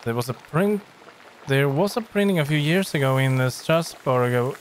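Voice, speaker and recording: A man's voice: on the high side, animated, moderate pace, a little hiss or hum, natural voice. A man voicing a hospitable middle-aged male printer and artist in a game, reading the lines aloud plainly. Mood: friendly.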